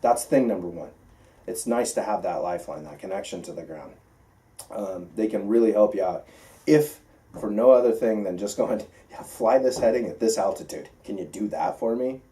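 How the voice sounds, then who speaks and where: A distant mic records an American flight instructor leading an informal class for pilots. His voice is fairly low and mellow at a moderate pace, and he talks conversationally, pressing points emphatically and checking in with frequent questions.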